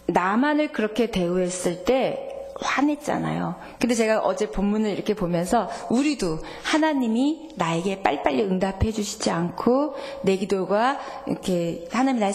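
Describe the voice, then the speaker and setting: A woman pastor preaching a sermon, lively, acting out God's voice and dropping to whispers for emphasis. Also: mid-range voice. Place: church sanctuary.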